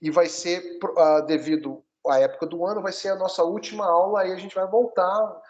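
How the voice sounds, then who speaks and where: A man from Brazil teaching a one-on-one English lesson, coaching his student and spelling words out slowly. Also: high voice, fairly even intonation, a little mellow, highs cut off.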